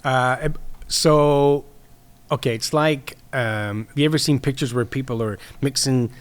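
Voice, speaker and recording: A man with a mid-range voice, guesting on a podcast, talks casually about his sourdough baking at a measured pace. He rambles as he explains, filling his speech with lots of fillers.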